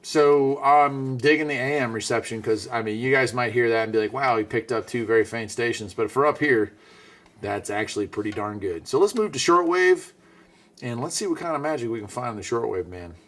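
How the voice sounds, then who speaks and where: Tinkering with a product in a casual hands-on demo, a man who hosts a vlog and reviews radios mutters offhand comments. He talks briskly in a mid-range, slightly bright voice, with faint noise in the background.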